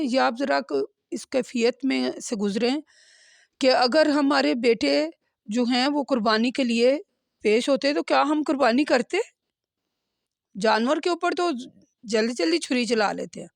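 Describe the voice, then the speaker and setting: A woman leads a Quran lesson, her fairly high voice roughened by gravelly fry. She talks earnestly and keeps checking in with a questioning "hmm?". The recording is dry, with no room echo. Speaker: religious teacher.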